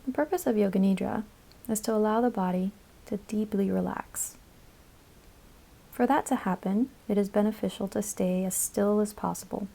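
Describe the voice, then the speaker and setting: A woman guiding a yoga nidra meditation in a calm, soothing, instructional manner, with measured phrases and pauses. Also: mid-range voice, gravelly. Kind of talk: guided meditation narration.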